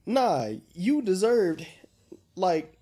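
A man co-hosting a casual podcast chat. He is congested, and he tells stories in an animated, profane way. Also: sits high, drawn-out words, husky. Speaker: podcast co-host.

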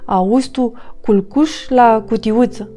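A woman voicing a small, kindly and generous hedgehog in a children's storybook, in an eager, warm manner. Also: a little high, soft background music, close to an everyday voice. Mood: gentle.

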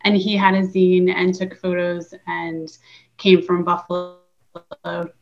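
A woman's voice: lowish voice, monotone, measured pace, lo-fi sound, faint music behind. A woman in her forties, a guest co-host chatting casually, whose voice keeps cutting out on a choppy video call. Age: 40s. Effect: choppy, breaking-up video call connection. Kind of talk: casual podcast chat over a video call.

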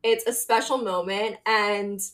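A woman co-hosting a sports podcast in casual chat, emotional and quick to laugh. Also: mid-range voice, fairly even intonation, a bit bright. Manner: emotional, chatty, laughs often. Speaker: podcast co-host.

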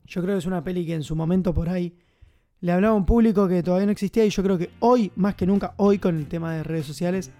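Casting: Argentine man, casual film-review host, chatty, high mellow voice. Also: fast, soft background music. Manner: chatty, enthusiastic, many fillers.

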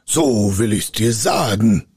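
A man's voice: takes it slowly, darkish tone, slightly rough, no echo, studio quality, heavily acted. Man doing Mercurius, a boastful bottle spirit. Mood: threatening. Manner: booming threats, whining pleas. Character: huge boastful male bottle spirit, menacing yet wheedling.

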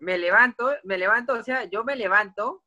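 A man's voice: sits high, moderate pace, sharp tone, dull audio. A man rambling through an embarrassing story in casual chat, restarting his sentences. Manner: rambling, full of fillers and restarts.

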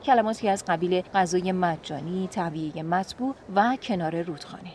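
A woman calmly narrating a story in an even reading voice. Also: on the low side, slight background noise.

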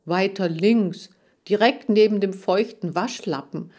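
A woman voicing a cautious, bossy male hamster in an audiobook, speaking low and measured. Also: darkish tone, lightly acted. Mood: dry and bossy. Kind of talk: audiobook character voice.

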